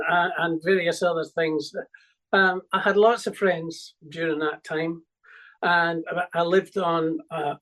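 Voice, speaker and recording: An older man from Scotland with a Scottish accent, a musician recalling his childhood in an interview with many pauses and restarts. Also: fairly high pitch, poor audio. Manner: hesitant, full of ums and restarts. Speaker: musician guest. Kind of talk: reminiscing interview.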